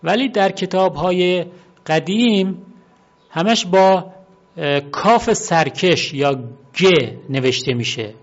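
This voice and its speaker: A man giving an unhurried, explanatory talk on word origins, often pausing to repeat and spell out words. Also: high voice. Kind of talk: explanatory monologue. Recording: dull lo-fi recording.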